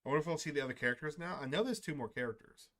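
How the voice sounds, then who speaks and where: Speaking rapid-fire at a medium pitch, this gaming YouTuber performs visual novel lines expressively. He reacts along the way and occasionally stumbles on the longer words.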